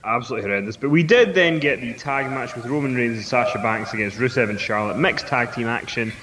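A man with a Scottish accent, co-hosting a casual podcast chat, telling stories in a relaxed way with hesitant restarts. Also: medium pitch, quick pace, background noise. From Scotland. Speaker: podcast co-host. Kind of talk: casual wrestling recap chat.

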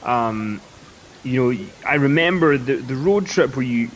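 A man with a Scottish accent, co-hosting a casual podcast chat, telling stories in a relaxed way with hesitant restarts. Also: mid-range voice, measured pace, slight background noise. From Scotland. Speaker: podcast co-host. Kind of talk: casual wrestling recap chat.

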